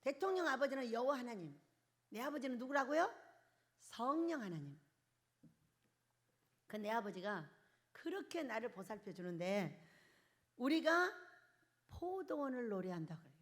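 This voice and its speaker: An older woman pastor preaching a charismatic sermon, asking the congregation questions and swinging from loud bursts to soft, quiet lines. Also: a little high, sing-song, moderate pace, pauses often. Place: church hall.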